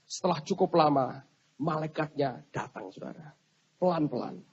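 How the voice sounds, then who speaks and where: A male pastor telling a story in a sermon, animated and addressing the congregation directly. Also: fairly high pitch, moderate pace, breathy edge. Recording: dull lo-fi sermon recording.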